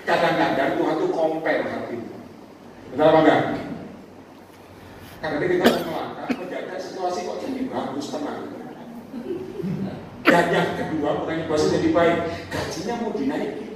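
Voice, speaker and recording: A male evangelist preaching a sermon, animated, swinging from loud calls to quiet asides and joking with the congregation. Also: moderate pace, pauses often, background noise. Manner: animated, shifts from loud exhortation to low asides, jokes with the congregation. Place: large hall with audience. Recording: echoey hall from far off.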